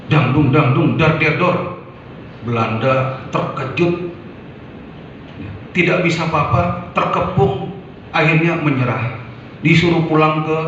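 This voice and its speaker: A man giving a lecture to an audience, telling history like a story with lively sound effects. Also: a little high, a little hiss or hum. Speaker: preacher. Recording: echoey hall, distant mic, muffled.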